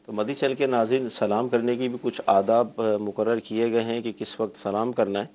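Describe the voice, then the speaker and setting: A man's voice: mid-range voice, little pitch movement, a little mellow. A man hosting a religious TV call-in show, who repeats callers' questions, keeps affirming the mufti with short replies and speaks directly to the viewers. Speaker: show host.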